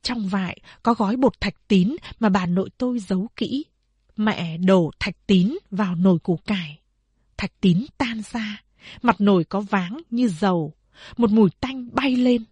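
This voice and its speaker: A woman reading a novel aloud as an audiobook narrator, in a measured storytelling manner. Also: medium pitch, a little mellow, husky, no room sound.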